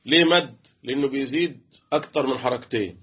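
A man speaking with an Egyptian Arabic accent teaches the rules of Quran recitation, chanting letters and testing his students in an interactive tajweed session. The audio sounds tinny, like a phone line, and his medium-pitched voice is fast and slightly rough.

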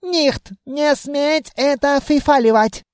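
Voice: high-pitched, slow, no echo, studio quality, voice pushed up. A reader voicing a haughty male elf officer who barks curt orders in a put-on foreign accent, turning v into f, in an audiobook. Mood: shouting. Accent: put-on foreign accent, v spoken as f. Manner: barked curt commands. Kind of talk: audiobook reading.

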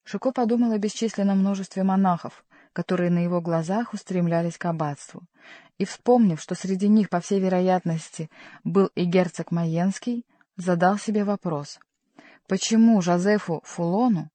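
A woman narrating a classic novel as an audiobook reader, in a measured, expressive reading. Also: on the low side, no room sound. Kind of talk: scripted narration.

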